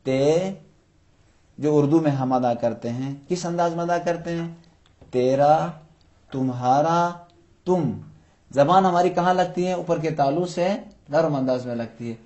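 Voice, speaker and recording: A man teaching Quran recitation to children, patiently posing questions and slowly drawing out example words to show each sound. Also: a little high, a little mellow. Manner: patient, poses questions then answers them. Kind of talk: tajweed lesson for children.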